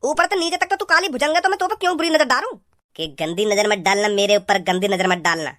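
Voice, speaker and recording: A woman's voice: medium pitch, quick pace, fairly bright tone, close to an everyday voice. A woman voicing a rude, mocking young street punk in a cartoon, with a blunt, insulting manner. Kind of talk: cartoon dubbing.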